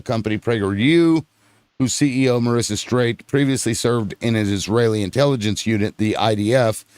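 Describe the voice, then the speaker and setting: A man hosting a casual political panel, talking in halting starts and reading news reports aloud. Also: medium pitch, a little mellow, no room sound. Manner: halting, looks things up and reads aloud. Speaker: host of a panel show. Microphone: online audio call.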